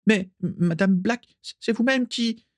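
A man's voice: high-pitched, measured pace, no echo, clean studio sound, pitched above the performer's own voice. A man voicing a timid painter who stammers and whines. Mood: frightened.

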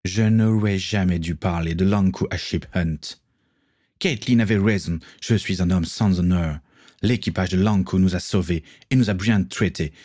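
A man's voice: low-pitched, moderate pace, darkish tone, no echo, studio quality. A man reading aloud, voicing a proud young English nobleman who speaks earnestly and heatedly.

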